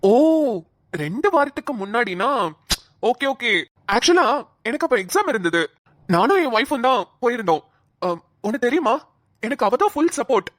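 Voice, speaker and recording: A woman voicing a cheerful young police trainee in a cartoon, breezy and excitable. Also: very high voice, normal speed, pauses often, no room sound, clean studio sound, full character voice. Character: young male police trainee, cheerful, devoted to his wife. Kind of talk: cartoon dialogue.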